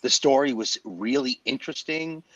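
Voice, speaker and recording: Measured man in a dry room. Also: mid-range voice, a bit bright, no echo, highs cut off. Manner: measured, thoughtful, searches for words. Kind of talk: casual chat about TV shows.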